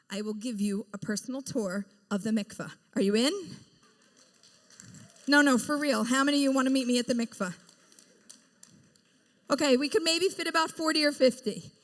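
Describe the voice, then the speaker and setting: High-voiced woman, chatty gala speaker. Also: fairly bright tone. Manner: chatty, playful, quizzes the crowd. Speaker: event speaker. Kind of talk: lively storytelling talk to a live audience. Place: large event hall. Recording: echoey hall sound.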